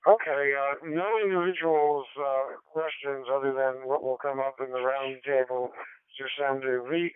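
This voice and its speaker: Man running a radio net, heard over a narrow, tinny radio link. Courteous and measured, with a very clean voice. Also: mid-range voice, clean tone, dry recording. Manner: measured, courteous, with frequent fillers. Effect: amateur radio transmission. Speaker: net control operator of a ham radio net. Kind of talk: formal radio net procedure.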